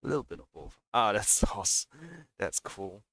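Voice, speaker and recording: Casual livestream talk comes from a young man playing a video game, animated and reacting to gameplay against game music. His voice is lowish at normal speed, and the sound is clean and studio-dry.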